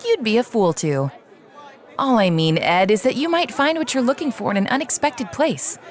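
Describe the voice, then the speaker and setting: A woman acting a sardonic fantasy schemer, cynical and secretive. Her high voice moves freely through dry, teasing lines, with a faint crowd behind. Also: expressive, moderate pace, natural voice. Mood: wry, reflective. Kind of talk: comic fantasy audio drama acting.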